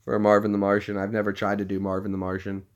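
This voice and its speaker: This Tennessee vlogger, a man with a neutral American accent, chats casually to camera in a lowish, monotone voice at a quick pace. He's jokey and walks through things step by step, though the recording sounds muffled.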